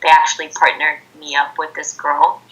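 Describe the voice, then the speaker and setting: Over a dull-sounding Skype video call, a twenty-year-old Ecuadorian college student whose first language is Spanish responds casually to an interviewer. She speaks at a moderate pace in a low, level, slightly bright voice.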